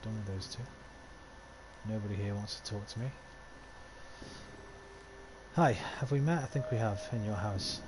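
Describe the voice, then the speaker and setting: A man's voice: fairly low pitch, moderate pace, long pauses, music in the background. A man streaming a game with a sore throat, chatting casually with viewers, swearing offhandedly and reading the game's dialogue aloud. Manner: swears offhandedly, talks to chat between lines.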